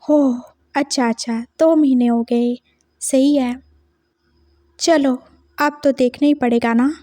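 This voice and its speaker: A woman's voice: high-pitched, steady tone, slow, warm tone, no room sound, studio quality. A woman voicing a young male doctor who is doting yet bossy, coaxing and insistent in a fan story.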